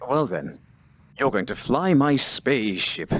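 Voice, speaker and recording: A man's voice: medium pitch, big pitch swings, unhurried, fairly bright tone, slight background noise. A man playing a pompous starship captain in comedic in-character gameplay, with theatrical diction. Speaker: player voicing a starship captain.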